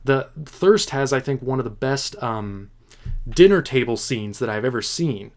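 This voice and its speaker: A man hosting a casual film chat, answering viewer questions in a halting, thoughtful way with frequent restarts, and keen on the films he talks about. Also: medium pitch, lively intonation. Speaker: host.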